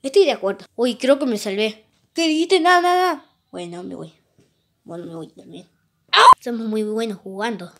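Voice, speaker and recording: A woman doing playful plush-toy role-play of a video game, jumping quickly between excited, squealing character voices. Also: on the high side, a little hiss or hum.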